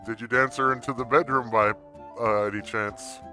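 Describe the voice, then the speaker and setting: A man's voice: medium pitch, steady tone, moderate pace, bright, forceful tone, faint music behind. A man speaking through a voice changer as a young male wizard in a tabletop game, bantering crudely. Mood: teasing. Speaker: tabletop player. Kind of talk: in-character roleplay.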